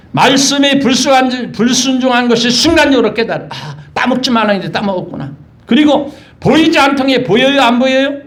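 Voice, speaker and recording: A male pastor preaching a sermon in a church, lively and constantly putting questions to the congregation. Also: high voice. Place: church sanctuary.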